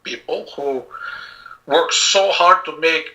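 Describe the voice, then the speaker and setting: A middle-aged man, a composer being interviewed, speaking reflectively with many pauses and restarts. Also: a little high, sharp tone, low-quality recording. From Azerbaijan. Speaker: composer and pianist guest. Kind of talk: casual interview talk.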